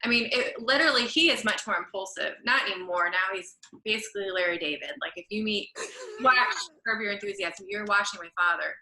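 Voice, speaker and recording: A woman's voice: mid-range voice, a little fast, sharp tone, echoey room, a little hiss or hum, low-quality recording. A woman, a guest telling a long story in a chatty, rambling way and correcting herself as she goes. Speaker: podcast guest, florist and creative director. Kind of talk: casual storytelling interview.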